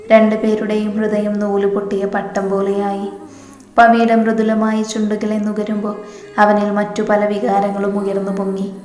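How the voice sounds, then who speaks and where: Flat-voiced woman storyteller in an echoey room. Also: mid-range voice. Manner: steady, even reading. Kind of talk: scripted narration of a romance story. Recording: echoey room with long reverb.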